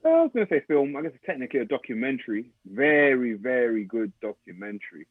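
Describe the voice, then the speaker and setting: A man's voice: medium pitch, expressive, fast, slightly rough, dry recording, faint music behind. A London man co-hosting a casual podcast. He talks in slang and repeats words for emphasis. The sound is very dry and narrow, like a phone line. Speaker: podcast co-host. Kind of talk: casual chat.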